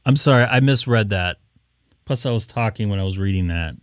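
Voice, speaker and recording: A man's voice: on the low side, expressive, brisk, no room sound, studio quality. A man who is tired and hungover with a headache, chatting casually and apologetically as he runs a live-streamed ham radio session.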